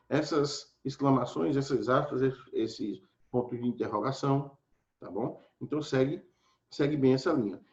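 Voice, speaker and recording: A man teaching an online grammar lesson in a casual, teacherly way, constantly checking in with his students. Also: a little high. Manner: casual teacherly, frequent "tá certo?" check-ins. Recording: echoey dull lo-fi room recording.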